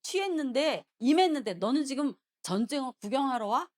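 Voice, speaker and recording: A woman's voice: sits high, expressive, brisk. A woman voicing a scornful older brother who berates his younger sibling. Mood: scolding. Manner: scolding, berating.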